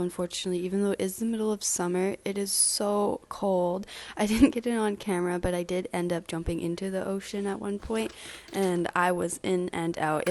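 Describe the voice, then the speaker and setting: A young woman narrating her vlog in a casual, chatty voiceover, still a little stuffy and hoarse after being sick, laughing lightly between words. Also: on the low side, a little mellow. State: stuffy, recovering voice. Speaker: vlogger. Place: at home doing makeup.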